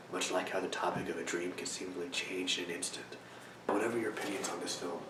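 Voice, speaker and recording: Hushed, whispering low-voiced man in echoey room. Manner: hushed library-like whispering, keeping quiet for people asleep. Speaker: reviewer. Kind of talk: scripted film review. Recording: echoey, distant mic, noisy with rumble.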